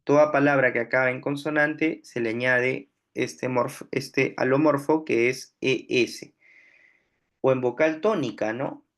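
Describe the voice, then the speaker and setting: A male teacher walks through a grammar lesson at an unhurried, careful pace. His voice sits at an ordinary middle pitch. He keeps pausing to check that his listeners are following. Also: fairly even intonation, a bit bright. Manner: slow, deliberate explaining with frequent checks "¿no?". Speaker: language teacher.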